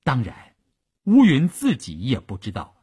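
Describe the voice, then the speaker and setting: A man's voice: mid-range voice, huge pitch swings, measured pace, warm tone, slightly rough. A man narrating a long radio story in a dramatic, strongly varied delivery.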